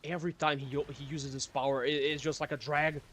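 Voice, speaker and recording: A somewhat high-pitched man talks through a game stream in a casual way. He grumbles and swears freely, with a dry, sardonic edge. He sounds like he is at home in his apartment. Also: level tone, fairly quick, a bit bright, a little hiss or hum. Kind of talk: casual gameplay commentary.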